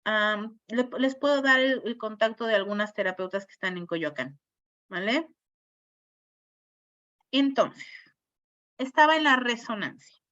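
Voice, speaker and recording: Lady therapist explaining voice stuff, kinda high bright voice, keeps asking "right?", muffled call audio. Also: animated, unhurried, long pauses. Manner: explanatory, checks in with listeners. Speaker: speech therapist giving a talk. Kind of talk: informal online lecture.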